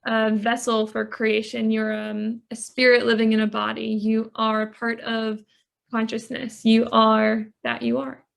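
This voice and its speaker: A woman's voice: fairly high pitch, completely flat delivery, unhurried, gravelly. A woman life coach on a podcast, telling her story earnestly with lots of "like" fillers. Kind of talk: podcast interview.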